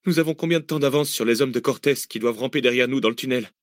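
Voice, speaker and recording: A man's voice: quick pace, dry recording, clean studio sound, lightly acted. A man reading an audiobook, voicing a frightened, worn-out young woman who frets and pleads. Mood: anxious. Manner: anxious, pleading, high-strung. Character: frightened weary young woman fleeing underground. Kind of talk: audiobook character voice.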